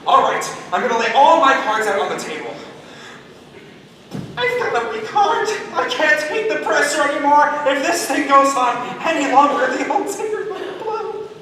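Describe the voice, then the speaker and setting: A harried, blustering producer fires off his worries in a high, bright and lively voice, as a student acts him. He is heard from the back of an echoing auditorium. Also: slight background noise. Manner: blustery, harried, fast-talking. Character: frantic, blustering middle-aged male show producer. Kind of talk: school stage musical performance. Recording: echoey hall taped from far off.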